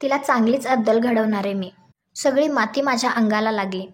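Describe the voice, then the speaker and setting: A woman's voice: fairly high pitch, fairly quick, natural voice. A woman voicing an angry, vengeful young wife in a plain reading voice, scolding and threatening.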